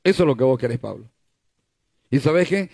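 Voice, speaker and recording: A man's voice: mid-range voice, expressive, normal speed, gravelly, darkish tone, voice pushed down. A male preacher voicing God as a teasing, firm father figure who refuses a request in a mock-stern, playful tone.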